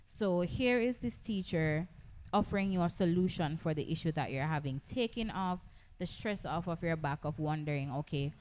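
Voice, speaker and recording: A young Jamaican woman with a fairly low voice talks in earnest on a faith podcast. She preaches her point and slides into patois when she quotes people. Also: expressive, normal speed, a little mellow, a little hiss or hum. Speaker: podcast co-host. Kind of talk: casual faith podcast chat.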